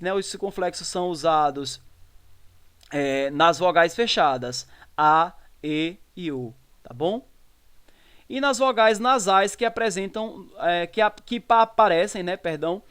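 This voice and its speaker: A man's voice: high voice, smooth. A man with a Brazilian Portuguese accent teaching an exam-prep spelling lesson. He checks in often with the listeners and asks and answers his own questions. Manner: explanatory, repeats checks like "tá bom?".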